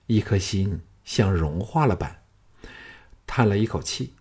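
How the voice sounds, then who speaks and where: A man narrating a novel as an audiobook in a soft, even storytelling voice. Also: fairly low pitch, measured pace, breathy edge.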